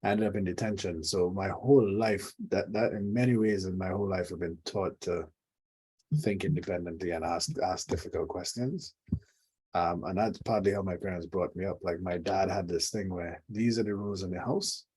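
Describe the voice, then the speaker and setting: A man's voice: low-pitched, steady tone, moderate pace, darkish tone, slightly rough, low-quality recording. A middle-aged man from Trinidad and Tobago, a leadership coach telling reflective stories with dry humor in an interview. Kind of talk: conversational interview.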